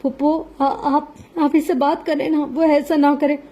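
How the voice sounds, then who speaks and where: A woman's voice: sits high, steady tone, dull audio, voice pushed up, lightly acted. A woman voicing a terrified young wife who cries and stammers as she pleads. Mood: sobbing plea. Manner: stammering through sobs. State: crying.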